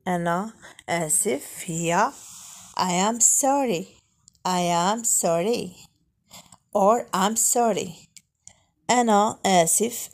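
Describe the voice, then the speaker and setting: A woman with a Moroccan accent teaching a beginner English lesson, repeating each phrase slowly and deliberately for learners. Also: mid-range voice.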